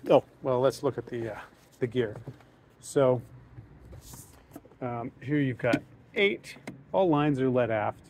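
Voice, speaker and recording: A relaxed American yacht salesman walks a docked sailboat, first outdoors and then in the cabin, narrating a casual tour recorded on a handheld phone. His voice sits at an ordinary middle pitch, and he thinks aloud with frequent ums and uhs, with a little hiss or hum in the audio.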